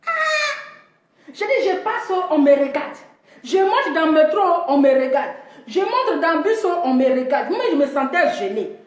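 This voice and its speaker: An African woman tells an animated comic story about herself at a moderate pace, breaking into high, squealing voices whenever she imitates other people. The sound is roomy.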